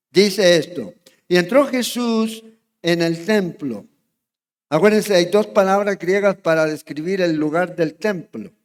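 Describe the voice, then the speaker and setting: A high-voiced man with a Chilean Spanish accent preaches an expository sermon in a large church sanctuary. He keeps it conversational, often checking in with the congregation and asking them questions.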